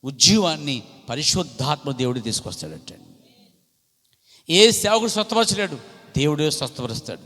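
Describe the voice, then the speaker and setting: Pastor with a Coastal Andhra Telugu accent, bright and forceful preaching, reverb of a big church hall. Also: male voice, fairly high pitch, lively intonation, moderate pace. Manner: preaching fervently, swelling louder on key phrases; polite "andi" tags throughout. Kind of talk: sermon.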